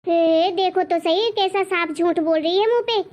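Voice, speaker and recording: Bossy cartoon mother-in-law, super high voice, shrill and nasty. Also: normal speed, darkish tone. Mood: scolding. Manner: shrill and insulting. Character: harsh scolding mother-in-law, middle-aged woman. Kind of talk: cartoon voice acting.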